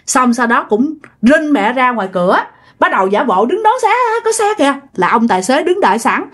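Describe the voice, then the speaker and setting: A woman's voice: fairly high pitch, sing-song, fairly quick, slightly rough. A woman casually telling a ghost story, chatting directly to her listeners.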